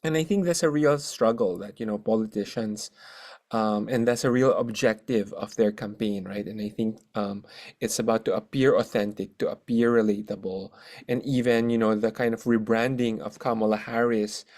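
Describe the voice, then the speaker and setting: A man, a researcher on a panel, answering an audience question on a video call, pausing often with many ums. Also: on the low side, fairly even intonation, a little mellow. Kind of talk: online forum answer.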